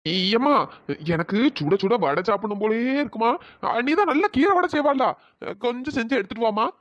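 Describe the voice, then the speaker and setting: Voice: mid-range voice, animated, fairly quick, a bit bright, dry recording, highs cut off, close to an everyday voice. A performer voicing a timid, stammering, henpecked husband in a cartoon. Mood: fretful pleading. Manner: stammering, pleading. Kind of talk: cartoon voice acting.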